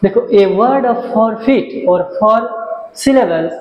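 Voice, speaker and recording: A man teaching English in a slow classroom explanation, speaking with a Bengali accent and counting out syllables one by one. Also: high voice, expressive, a little mellow, highs cut off. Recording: echoey room with faint background hiss.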